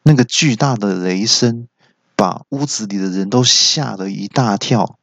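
A man, a podcast host telling a comic story and acting out every character in an animated way. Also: on the low side, unhurried, creaky, no echo, dull audio.

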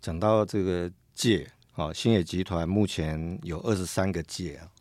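A man's voice: low-pitched, steady tone, moderate pace, darkish tone, no echo. A man hosting a podcast interview, chatting casually and tagging his sentences with little "ha" sounds. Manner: chatty, leading questions with "ha" tags. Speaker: podcast host, senior journalist.

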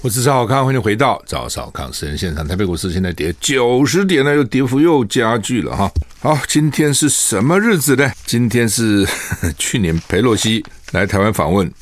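A man's voice: fairly low pitch, sing-song, normal speed, no echo, soft background music. An older man from Taiwan hosting a radio talk show, giving casual political commentary with emphatic rhetorical questions. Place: radio studio. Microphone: studio microphone.

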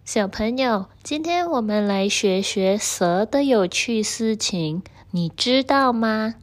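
A woman storyteller reading a story to children and gently speaking to them directly. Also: a little high, lively intonation, takes it slowly.

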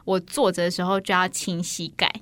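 A woman's voice: on the low side, little pitch movement, fairly quick, fairly bright tone, no echo. A woman co-hosting a podcast, chatting casually and giggling through her stories. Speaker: podcast co-host. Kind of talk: casual chat.

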